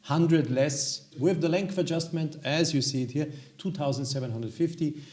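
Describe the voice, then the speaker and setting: A man from Austria with an Austrian accent and a gravelly voice, casually presenting products to viewers as a video host in halting, hesitant phrases. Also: on the high side, a little mellow. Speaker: watch review video host.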